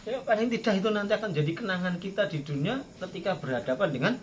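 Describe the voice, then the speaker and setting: A man's voice: high-pitched, lively intonation, fast talker. A male preacher giving a playful religious study talk, acting out tearful pleading prayers. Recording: dull lo-fi sound, faint background noise.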